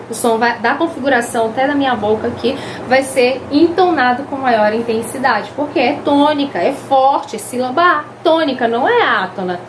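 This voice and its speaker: A high-voiced woman teaches a grammar lesson with lively emphasis. She draws out each example word and keeps throwing questions at the viewer. A faint background hum runs under her voice. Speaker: Portuguese language teacher.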